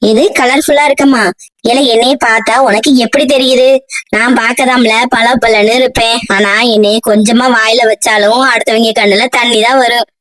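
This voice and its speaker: A woman's voice: fairly high pitch, steady tone, a bit bright, close to an everyday voice. A woman voicing a cheeky, lazy young male chilli in a cartoon. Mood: boastful. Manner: whiny, complaining, fast.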